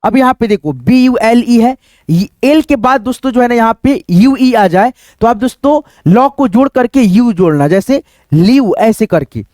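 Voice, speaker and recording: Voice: medium pitch, animated, normal speed, a little mellow, no echo. A teacher giving a phonics lesson, repeating each word and often calling the viewers friends. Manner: repetitive, addresses viewers as friends.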